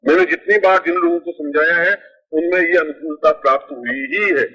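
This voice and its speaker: Guy teaching a ritual step by step off an old worn tape, kinda husky, slightly high voice, muffled lo-fi sound. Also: fairly quick, pushed and bright. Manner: plain, methodical, repeats points for emphasis. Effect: old worn cassette tape. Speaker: spiritual teacher. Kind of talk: giving step-by-step ritual instructions. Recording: dull lo-fi 1980s tape recording.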